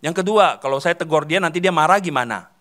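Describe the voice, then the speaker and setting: A man's voice: fairly high pitch, quick pace. A man, a pastor preaching a sermon in a church hall, asking the congregation questions and answering them himself. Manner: swings between loud emphatic calls and soft dropped endings.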